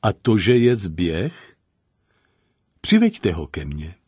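A man's voice: sits low, huge pitch swings, a little mellow, breathy edge, dry recording, studio quality, full character voice. A man voicing a kind, commanding young woman general. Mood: questioning. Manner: firm commanding questions.

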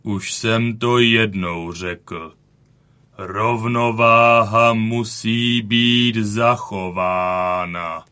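A man voicing a wounded old male bison from a cave painting in a children's audio story. He speaks slowly, with weary dignity. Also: on the low side, fairly even intonation, sharp tone. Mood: weary, proud. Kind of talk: audiobook character reading.

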